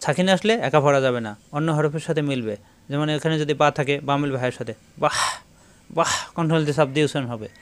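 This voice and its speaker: A Quran reading teacher in a slightly high, clean-toned voice races through a recitation lesson step by step. He repeats syllable drills and addresses his viewers directly.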